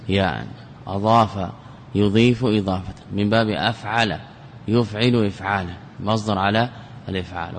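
A man's voice: lowish voice, a little hiss or hum. Man teaching grammar in an echoing hall. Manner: explanatory, asks and answers his own questions; repeats and restarts words while explaining. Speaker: sheikh teaching Arabic grammar. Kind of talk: classical Arabic grammar lesson.

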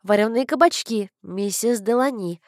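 A woman's voice: fairly high pitch, normal speed, no echo, studio quality. A woman narrating an audiobook in the first person with a wry, ironic delivery.

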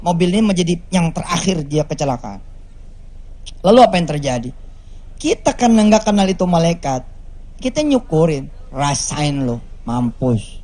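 A man, preaching a lively storytelling sermon to a large religious gathering, animated and jokey as he acts out the quotes. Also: high voice, brisk, pauses often.

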